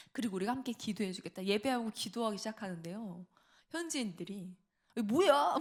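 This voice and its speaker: A middle-aged woman preaches in a church, telling a testimony at a quick clip. She drops into the voices of the people in her story and keeps the telling lively. Her voice sits at an ordinary middle pitch. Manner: lively storytelling with laughter and acted-out quotes. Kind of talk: sermon testimony. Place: church sanctuary.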